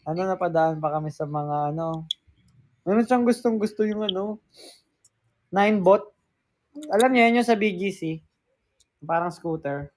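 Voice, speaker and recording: A man's voice: high voice, moderate pace, long pauses, a little mellow. A young man from the Philippines hosting a casual live stream, telling a story with acted-out quotes, dropping English words in and laughing often.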